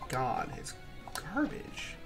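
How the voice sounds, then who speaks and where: Over game music, a young man with a sore throat and congested voice runs a casual let's-play for his gaming channel. He's laid-back but swears and mutters in frustration, drawing out his words.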